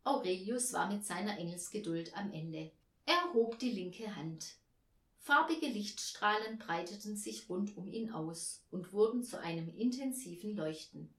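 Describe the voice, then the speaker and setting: A woman reads a storybook aloud with a very lively, rising and falling voice. She voices each character herself. The recording has a roomy echo. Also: medium pitch, unhurried. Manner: expressive, voicing each character. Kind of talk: storybook narration.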